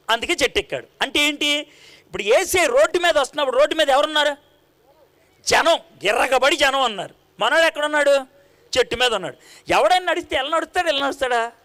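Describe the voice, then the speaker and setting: A man preaching a sermon in an animated, conversational way, full of rhetorical questions to his listeners. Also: very high-pitched.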